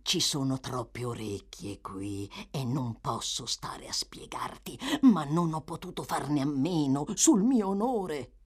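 A woman's voice: sits low, animated, measured pace, hardly any pauses, dark tone, slightly rough, heavily acted. A woman doing a sly fawning old crook, wheedling. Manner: fawning, coaxing with "my dear".

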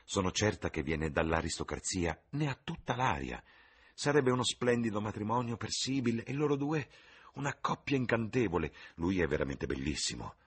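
A man voicing a vain, theatrical middle-aged mother in an audiobook, husky and fussy. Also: lowish voice, big pitch swings, moderate pace, pitched above the performer's own voice. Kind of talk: audiobook reading.

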